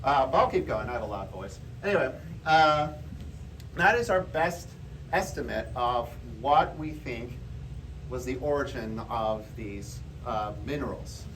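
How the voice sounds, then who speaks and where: A man gives an informal public geology talk to a live audience in an indoor room, explaining things conversationally. His medium-pitched, a bit bright voice has lively intonation and a measured pace. The recording is roomy, with a distant mic and faint background noise.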